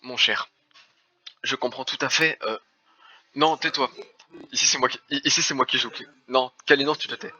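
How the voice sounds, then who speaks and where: A man's voice: medium pitch, steady tone, normal speed, long pauses, bright, forceful tone, slightly rough. A man playing a social deduction game, making a theatrical, formal accusation speech with stumbling restarts. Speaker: werewolf game player. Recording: dry, dull lo-fi voice chat.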